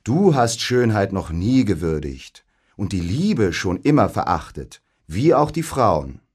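A man's voice: on the low side, sing-song, measured pace, darkish tone, slightly rough, exaggerated voice. A man voicing a genial, confident prince in a storybook, jovial and a little dismissive.

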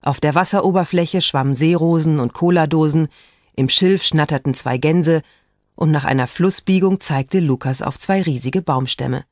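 A storyteller reads a children's tale with lively, expressive delivery, slowing down now and then to let a moment land. The voice sits at an ordinary middle pitch. The recording is close and very dry, with no room sound at all. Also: no room sound. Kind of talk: scripted children's story narration.

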